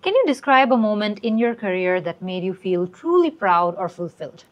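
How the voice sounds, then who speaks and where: A woman's voice: medium pitch, sing-song, extremely slow, highs cut off. A woman working as a language-test instructor, patiently explaining a candidate's answers and quoting phrases to correct them. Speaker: IELTS instructor and mock examiner. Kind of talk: teaching feedback, switching between two languages.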